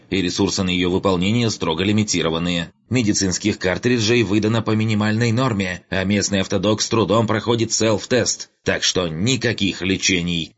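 A man voicing a tall, skinny, arrogant male colonel who barks orders and cracks into falsetto, in an audiobook. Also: dull audio. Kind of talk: audiobook character voice.

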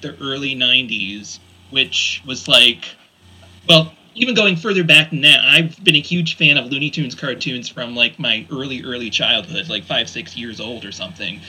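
A man's voice: mid-range voice, sharp tone, husky, low-quality recording. A man in his forties, a panelist on a podcast, chatting casually and enthusiastically with many fillers. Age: 40s. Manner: rambling, enthusiastic, lots of fillers. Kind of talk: casual chat.

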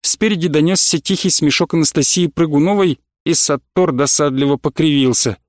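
A man reading an audiobook in a steady, scripted storytelling delivery. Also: on the high side, brisk, no echo, studio quality. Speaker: audiobook narrator. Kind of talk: scripted narration.

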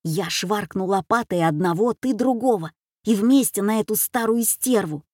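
A woman's voice: mid-range voice, normal speed, darkish tone, no room sound, close to an everyday voice. Daring boy, voiced by a woman, urgent whisper, close dry recording. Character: bold reckless boy plotting an escape. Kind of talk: audiobook character voice.

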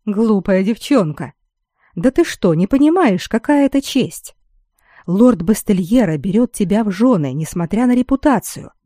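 A woman reader voicing a shrill, scolding older noblewoman who shrieks her insults. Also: animated, moderate pace, mellow, no echo, clean studio sound, lightly acted.

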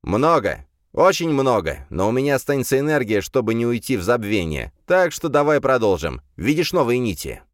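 A man's voice: medium pitch, big pitch swings, normal speed, hardly any pauses, no room sound, studio quality, voice pushed up, lightly acted. A man voicing an ancient, arrogant male demon lord who speaks in a haughty, commanding, scornful way. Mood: gloating. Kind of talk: audiobook character voice.

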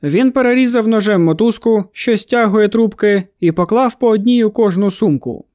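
Guy reading an audiobook, high-ish voice, super dry close sound, steady pace. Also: moderate pace, no room sound. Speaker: audiobook narrator. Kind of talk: scripted first-person narration.

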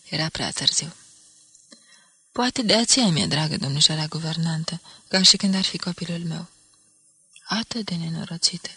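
A woman reading an audiobook, voicing an old grieving male castle steward who speaks in a tearful, pleading, softly sorrowful way. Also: on the low side, husky, no room sound.

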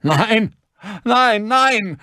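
A man's voice: lively intonation, drawn-out words, pushed and bright, no echo, clean studio sound, exaggerated voice. A man voicing a terrified wounded man who wails and begs for his life in an audiobook. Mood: screaming. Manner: shrill, wailing pleas.

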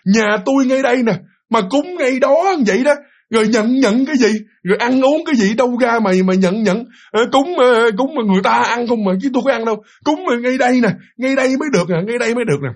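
A man's voice: very high voice, lively intonation, fairly quick, hardly any pauses, voice pushed up. A man voicing a child ghost speaking through a boy, blunt and talking to an adult as an equal. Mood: indignant.

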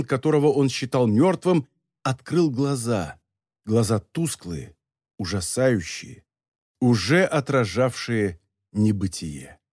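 A man giving a measured, expressive reading of a dramatic novel as an audiobook narrator. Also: medium pitch, dry recording, studio quality.

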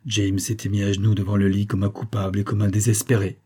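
A man reading a novel aloud as an audiobook narrator, steady and measured. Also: lowish voice, slightly rough. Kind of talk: scripted narration.

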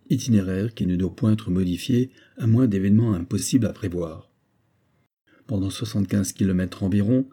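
Dark husky male narrator. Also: on the low side. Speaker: audiobook narrator. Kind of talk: scripted narration of a novel.

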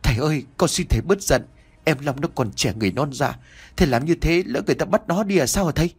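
A man voicing a grown daughter who begs her angry father in a quick, imploring voice in an audiobook story. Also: medium pitch, expressive, slightly rough. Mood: pleading. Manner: begging, rushed and tearful. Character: grown daughter, gentle and pleading.

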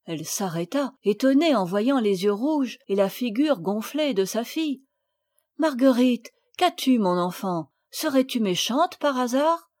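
A woman reading a classic children's novel aloud in a measured, clear storytelling manner. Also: a little high, a little mellow. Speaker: audiobook reader.

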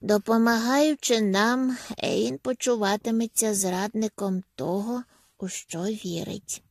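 Calm analytical man, measured, read by a woman narrator; husky, dry audiobook sound. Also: sits high, no echo, exaggerated voice. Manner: measured and explanatory.

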